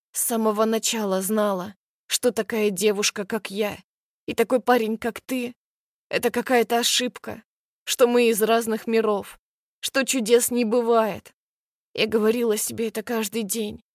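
A woman's voice: a little high, flat delivery, normal speed, no room sound, studio quality, close to an everyday voice. A woman voicing a heartbroken, betrayed young woman in an audiobook, whose voice breaks through tears. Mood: bitter. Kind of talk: audiobook character voice.

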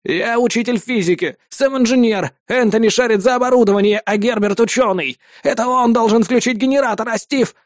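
A man voicing a defiant, grumpy old male hostage who talks indignantly and excitably. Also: very high-pitched, a little fast, hardly any pauses, no room sound, clean studio sound, pitched above the performer's own voice. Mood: agitated.

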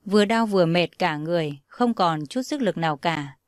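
A young woman narrating a first-person story in a calm, steady reading voice. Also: lowish voice, moderate pace, no echo, clean studio sound.

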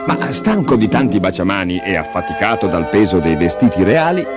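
A man with a fairly low voice reads a children's fairy tale aloud, his pitch rising and falling expressively. Clear music plays under his narration. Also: fairly quick. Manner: lively, expressive reading. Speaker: storyteller.

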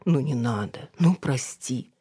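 A woman's voice: very deep voice, expressive, a little slow, warm tone, slightly rough, no echo, clean studio sound, exaggerated voice. A woman voicing a pleading, whining balding middle-aged man in an audiobook. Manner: whining, begging.

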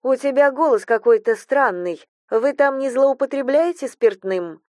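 A woman's voice: high voice, a little slow, a little mellow, no room sound, clean studio sound, pitched above the performer's own voice. A woman doing a fretful wife on the phone. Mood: worried. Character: anxious, doting wife on the phone.

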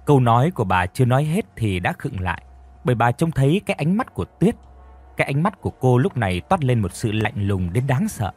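A man's voice: medium pitch, very animated, fairly quick, darkish tone, husky. A man narrating a scripted horror story in a dramatic storytelling manner.

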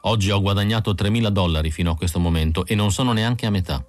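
A man's voice: fairly low pitch, fast talker, no echo, soft background music, natural voice. A man reading an audiobook voices a weary, conflicted male bounty hunter who speaks tersely. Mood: quiet, bitter.

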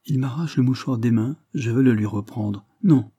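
A man reads a classic story aloud in a measured, reflective way. His voice is husky and warmly mellow, captured dry and close with no room sound. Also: mid-range voice, no echo. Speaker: audiobook reader. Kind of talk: literary narration.

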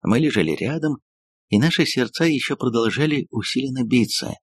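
A man narrating a literary audiobook in a measured first-person telling. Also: medium pitch, expressive, breathy edge, dry recording. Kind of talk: scripted narration.

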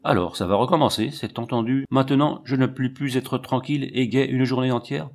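Man voicing a boastful gruff lion tamer. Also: fairly low pitch, lively intonation, moderate pace. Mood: angry. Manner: boastful, brusque.

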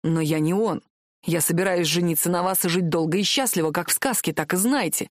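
Brief: woman reader as a young prince, unruffled and teasing, set a bit lower, dry sound. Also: brisk, no echo, natural voice. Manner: calm, self-assured, mocking. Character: teasing, stubborn young male prince in love. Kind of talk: audiobook character voice.

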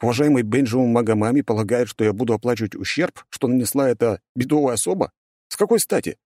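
A man's voice: medium pitch, quick pace, mellow, no room sound, clean studio sound, voice pushed up, lightly acted. A man voicing an indignant, cocky young man. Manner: outraged, then breezy.

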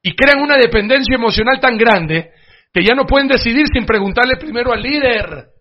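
A man preaches a sermon in a fairly high voice, swinging from quiet asides to loud emphatic bursts and acting out the people he quotes. The sound is dull and lo-fi, like an old radio broadcast. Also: a little fast. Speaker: pastor.

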